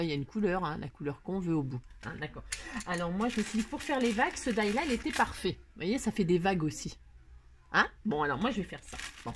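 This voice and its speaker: A woman hosting a card-making tutorial, chatting casually and rambling, talking straight to viewers with lots of self-mocking asides. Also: mid-range voice. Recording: noisy home recording.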